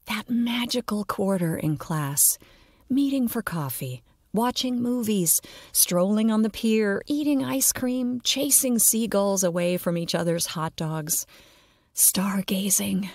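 A woman's voice: mid-range voice, expressive, unhurried, darkish tone, no echo. A woman narrating a scripted audio story with wry, playful asides.

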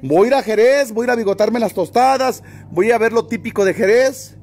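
A vlogger hosts a casual outdoor livestream from a small town, his voice fairly high for a man with a darkish tone. Briskly and jovially, he greets viewers by name and teases the people around him.

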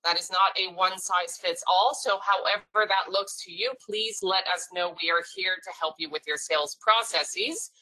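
Norwegian-born woman walking travel agents through a webinar, bright clear tone, friendly and a bit jokey. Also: lowish voice, moderate pace, few pauses, rough recording. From Norway. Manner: friendly, explanatory, lightly humorous. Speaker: sales presenter for a cruise line.

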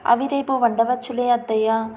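A courteous young daughter-in-law answers her elders politely in a family audio tale, voiced by a woman narrator. The tone is mellow and a little high. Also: fairly even intonation, normal speed, a little hiss or hum, close to an everyday voice.

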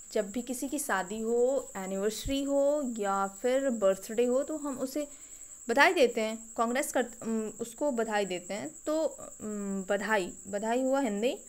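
A woman with an Indian accent teaching English vocabulary, explaining each phrase slowly and repeating it with pauses. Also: fairly high pitch, darkish tone. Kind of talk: spoken English vocabulary lesson.

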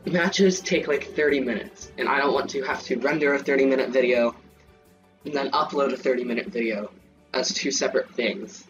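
A man hosts a gaming channel, chatting casually and rambling over his gameplay with plenty of ums, likes and other fillers. His mid-range voice moves briskly, and the lo-fi recording has a distant mic with faint game music.

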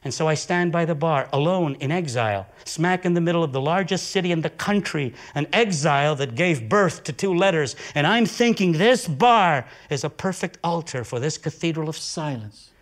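A man's voice: animated, normal speed, hardly any pauses. Intense man in a fierce stage monologue. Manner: intense, profane, dramatic swings of pitch and volume. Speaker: solo stage performer. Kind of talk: theatrical monologue.

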